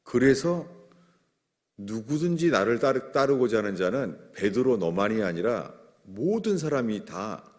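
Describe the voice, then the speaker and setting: A man's voice: medium pitch, sing-song, measured pace, darkish tone. A man preaching a sermon, explaining scripture verse by verse and acting out the quoted lines. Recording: long hall reverb.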